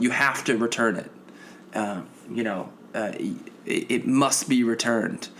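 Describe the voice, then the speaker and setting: A man's voice: medium pitch, fairly bright tone, a little hiss or hum. A man talking alone on his sports podcast in a loose, off-the-cuff way. He rambles, stumbles over his words and restarts his sentences often. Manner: rambling, full of restarts and fillers. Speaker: podcast host. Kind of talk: casual solo podcast chat.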